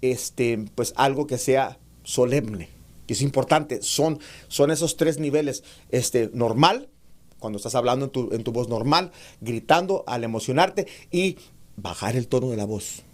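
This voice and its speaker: A man giving an online class on public speaking to preachers, calling them brothers, reading comments and demonstrating raised and lowered voice. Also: measured pace. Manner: addresses listeners as brothers, reads out chat comments; demonstrates shouting and lowering his voice. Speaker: preaching instructor.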